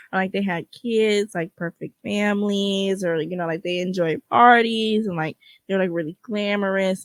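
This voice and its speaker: A twenty-three-year-old woman hosts a podcast solo, chatting casually and frankly in a medium pitch. She is slangy and swears freely, and the recording has no echo.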